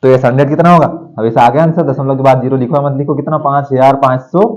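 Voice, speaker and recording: A man's voice: medium pitch, fairly even intonation, fast talker, darkish tone, highs cut off. Male maths teacher, talking in a classroom, teasing and counting out sums aloud. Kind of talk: classroom lecture.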